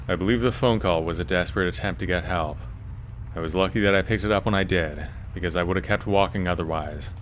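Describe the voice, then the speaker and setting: A first-person horror story is read from a script by a man whose voice is very deep. Faint ambient noise lingers in the background.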